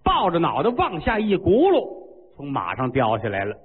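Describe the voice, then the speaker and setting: A man telling a traditional story in a vivid, animated way, acting out sound effects. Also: a little high, normal speed, breathy edge. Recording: tinny phone-like with long reverb.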